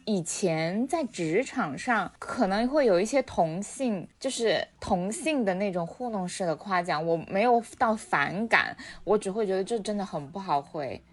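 Woman, casual chat, animated, wide pitch swings, chatty explainer. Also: normal speed, hardly any pauses.

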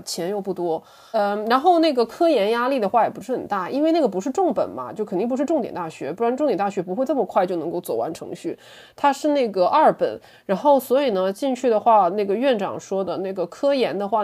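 Woman guest chatting casually, talks really fast, voice goes up and down a lot. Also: mid-range voice, darkish tone. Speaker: podcast guest, language teacher. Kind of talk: casual chat, telling anecdotes.

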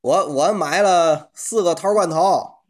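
A man's voice: on the high side, a little slow. A man with a Tianjin accent chatting casually and comically as a podcast co-host, in earthy colloquial speech with some mild swearing. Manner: colloquial, mildly profane.

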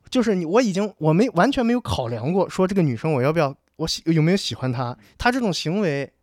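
A young man talks quickly and with a lot of swing in his pitch, telling a story from his school days to his co-hosts. He often laughs and acts out the lines he quotes. He is on a close, dry studio mic. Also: very animated, no echo. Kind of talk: casual storytelling chat.

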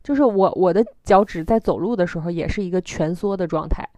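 A woman with a Northeastern Chinese accent chatting casually as a podcast co-host, telling stories in an animated, self-mocking way. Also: on the low side, a little fast, dry recording. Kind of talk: casual chat.

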